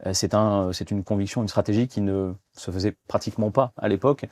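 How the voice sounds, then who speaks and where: Hesitant man in his thirties, low voice. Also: steady tone, brisk, a little mellow, dry recording, studio quality. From France. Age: 30s. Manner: hesitant, many fillers and restarts. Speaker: guest, fund development director. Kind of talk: business interview.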